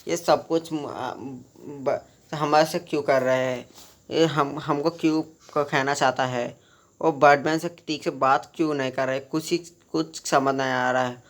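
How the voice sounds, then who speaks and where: Male storyteller, flat monotone delivery, halting casual retelling, frequent restarts. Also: on the high side. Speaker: fan storyteller recapping his own story.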